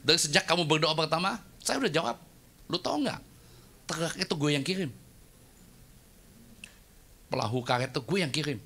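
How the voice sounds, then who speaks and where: A blunt, exasperated God scolds in slangy Jakarta colloquial speech, as a male preacher acts him out. The voice is bright and somewhat raised, with a quick, matter-of-fact delivery. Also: on the high side, expressive, vocal fry, voice pushed up, full character voice. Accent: Jakarta colloquial Indonesian.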